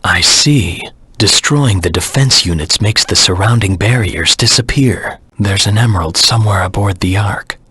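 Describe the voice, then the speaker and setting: An actor voicing a brooding, vengeful anti-hero hedgehog in a video game, with a husky rasp and a grim, terse, dramatic delivery. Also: male voice, normal speed, hardly any pauses, bright, forceful tone, full character voice. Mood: tense, focused. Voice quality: low, husky, gravelly rasp.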